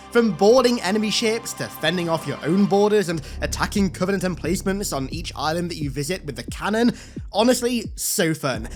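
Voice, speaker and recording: An enthusiastic video host giving scripted game commentary in an emphatic, hyperbolic way. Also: mid-range voice.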